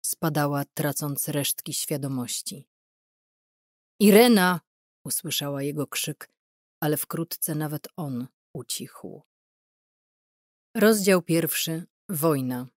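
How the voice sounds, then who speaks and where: A woman narrating an audiobook in a calm, measured and dramatic manner. Her voice sits fairly low, and the studio sound is completely dry. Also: dry recording.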